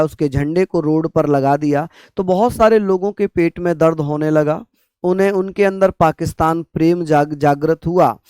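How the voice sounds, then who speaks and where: Man lecturing students, high smooth voice. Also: darkish tone, no room sound. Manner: calls students brother and sister, repeats points, asks "clear?". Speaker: teacher. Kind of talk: online exam-prep lecture.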